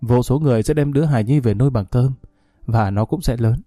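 A man's voice: mid-range voice, fast, mellow, no echo, soft background music, natural voice. A man voicing a grieving young man who answers his father with cool, mocking sarcasm.

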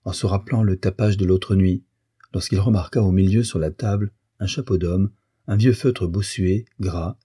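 Male audiobook narrator, low and very dark, husky, measured reading. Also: no echo, clean studio sound. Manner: measured and even, unhurried. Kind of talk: scripted narration of a classic novel.

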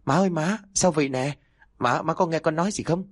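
A man's voice: fairly high pitch, fairly quick, dry recording, clean studio sound, voice pushed up, natural voice. A man voicing a frantic young son who pleads and calls for his mother in panic. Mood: panicked.

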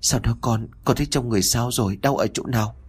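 A man's voice: medium pitch, fast talker, a little mellow, slightly rough. A man playing a worried young father who keeps asking anxious questions, in an audio story.

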